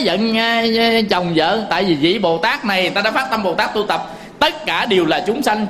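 Man, Southern Vietnamese accent, Buddhist sermon, chuckling storyteller, talks straight to the audience, fairly high voice. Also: fairly bright tone. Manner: folksy storytelling, chuckles often; addresses listeners directly. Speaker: Buddhist monk teacher.

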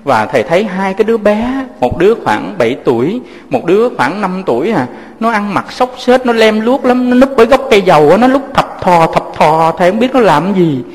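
A man, a Buddhist teacher preaching gently to listeners he calls his children and telling moving stories. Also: high voice, big pitch swings, fairly quick, long reverb tail. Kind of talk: sermon with storytelling.

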